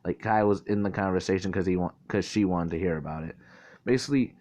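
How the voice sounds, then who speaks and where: A man's voice: low-pitched, fast, a little mellow. A man casually retelling a fan-made crossover story, rambling with lots of filler words and swearing, his mouth getting dry.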